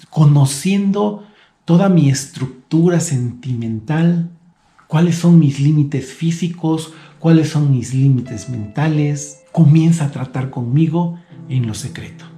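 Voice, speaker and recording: Earnest, mellow-voiced male preacher. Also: medium pitch, roomy sound. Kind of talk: devotional sermon.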